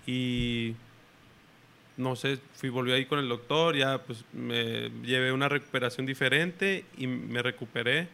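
Gravelly, bright Mexican ballplayer. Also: male voice, mid-range voice, measured pace. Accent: Mexican Spanish. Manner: relaxed, slangy, retells his own and coaches' words. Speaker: guest baseball pitcher. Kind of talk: casual storytelling chat.

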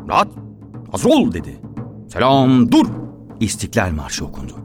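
A man narrating a literary story in the first person, in a somber, reflective way, with soft guitar music behind him. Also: low voice.

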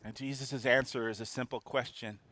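A man's voice: mid-range voice, fairly even intonation, fairly quick, fairly bright tone. A man preaching a sermon as a pastor, earnest, often restarting and repeating his words.

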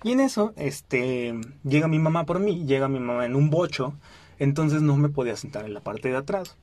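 A young man with a Mexican Spanish accent, telling a funny personal story in a casual, animated way. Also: on the high side, normal speed, dry recording. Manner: animated, acts out quoted voices, frequent fillers. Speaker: podcast host.

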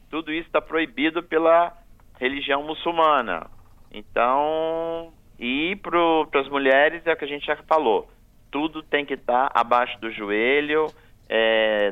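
A man, a guest on a radio talk show, giving firm, repetitive explanations of travel rules. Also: medium pitch. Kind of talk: radio interview. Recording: tinny phone line on radio.

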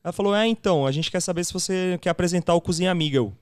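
Animated Brazilian chef telling stories. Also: male voice, sits high, racing, clean tone, no room sound. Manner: animated, acts out quoted dialogue with slangy fillers. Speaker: chef and TV cooking show host, podcast guest. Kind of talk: casual storytelling chat.

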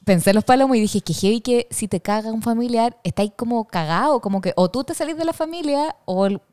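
A woman's voice: a little high, expressive, quick pace, darkish tone, clear, resonant tone. A young Chilean woman co-hosting a podcast, chiming in often and laughing along. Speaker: podcast co-host. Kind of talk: casual chat.

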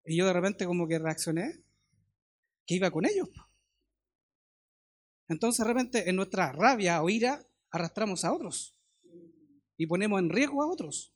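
A middle-aged man with a Chilean accent, preaching a sermon in a conversational way with homely stories and quick questions to his listeners. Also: sits high, lively intonation.

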